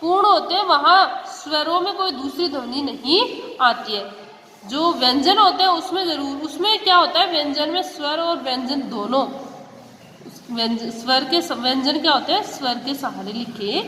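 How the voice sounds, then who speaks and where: A woman's voice: high-pitched, lively intonation, normal speed, sharp tone, slight background noise. A woman teacher giving a grammar lesson to children, patiently asking questions and answering them herself. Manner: addresses children directly. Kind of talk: classroom Hindi grammar lesson. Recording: echoey room with long reverb.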